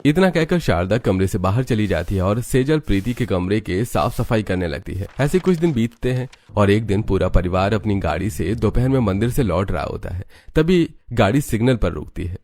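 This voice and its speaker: A man narrating a family cartoon story in a scripted, even storytelling style. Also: fairly low pitch, moderate pace, few pauses, no echo.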